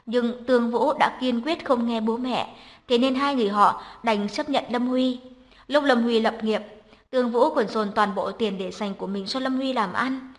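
Lady reading a novel out loud, calm and even, voice sits a bit high. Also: normal speed. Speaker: audiobook narrator. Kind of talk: scripted narration of a novel.

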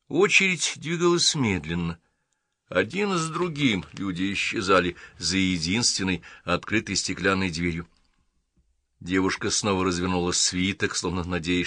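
A man narrating an audiobook in an even, measured reading. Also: sits low, no room sound, studio quality.

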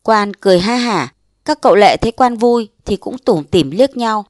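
A woman reads a short story aloud, narrating briskly and throwing herself into the dialogue. Her voice sits at an ordinary middle pitch. The recording is close and dry, with no room sound. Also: no echo. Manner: lively storytelling, acting out dialogue in changed voices. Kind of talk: audiobook reading of a short story.

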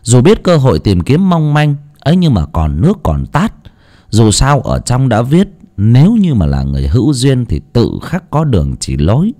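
A man narrating a ghost story with an expressive, dramatic reading. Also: mid-range voice, moderate pace. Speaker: audiobook narrator.

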